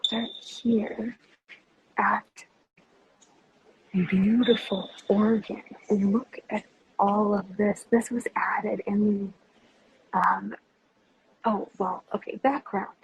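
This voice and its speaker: A woman working as a tour guide, chatting enthusiastically with live viewers in a breathy voice that is sometimes kept soft. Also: mid-range voice, steady tone, slow pace, pauses often, dull audio, a little hiss or hum. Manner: speaks softly at times. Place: inside a large stone cathedral. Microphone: handheld phone without stabilizer.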